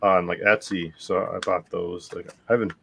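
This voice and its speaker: A man's voice: sits low, steady tone, normal speed, vocal fry, a bit bright, slight background noise. A man co-hosting a hobby podcast, chatting in a laid-back, teasing way. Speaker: podcast co-host. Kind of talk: casual chat.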